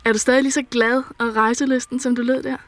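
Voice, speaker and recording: A woman reporter asking brisk, probing questions in an old radio interview. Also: a little high, level tone.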